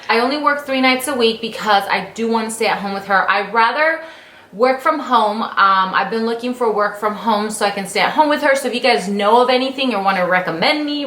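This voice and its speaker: A woman in her late thirties talks casually to her channel, rambling along with plenty of fillers and self-corrections. Her pitch sits in a middle range, and the room adds a clear echo around her voice. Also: a bit bright, slight background noise. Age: 30s. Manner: rambling, many fillers and restarts. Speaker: vlogger. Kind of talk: casual story-time chat. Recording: roomy echo.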